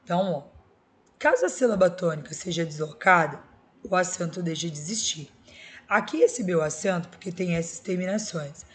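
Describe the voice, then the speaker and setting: Lower-voiced woman teaching a lesson. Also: expressive, brisk, fairly bright tone, a little hiss or hum. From Brazil. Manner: explains step by step with tag questions. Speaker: Portuguese teacher. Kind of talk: recorded school video lesson.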